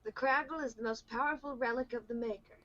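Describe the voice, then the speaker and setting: A woman's voice: a little high, quick pace, fairly bright tone, dry recording, dull audio, lightly acted. A woman reading the lines of a wise old male wizard mentor in a casual script read-through, in her own voice. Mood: earnest.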